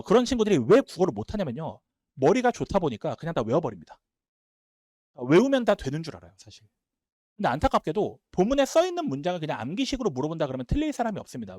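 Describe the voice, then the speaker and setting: A man's voice: a little high, dry recording, clean studio sound. A man who teaches Korean language, giving an emphatic talk at an admissions seminar. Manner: emphatic, talks fast and animated.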